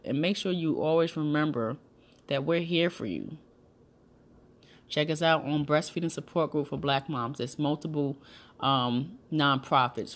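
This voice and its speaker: A woman hosting a breastfeeding support talk, giving new mothers emphatic, repetitive, reassuring advice in casual, colloquial speech. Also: rumbling low.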